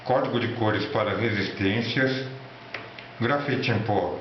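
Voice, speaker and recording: A Brazilian man with a lowish voice presents in an informal, instructional style, sometimes halting as he goes. The recording is quite echoey, with a faint layer of noise behind him. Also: highs cut off. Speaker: electronics hobby presenter. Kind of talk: informal tutorial narration and product showcase.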